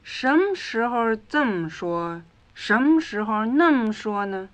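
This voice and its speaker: Woman reading lines in a language lesson, slow and careful, old muffled 1950s record sound. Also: a little high, animated. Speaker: lesson dialogue partner. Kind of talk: scripted language lesson dialogue.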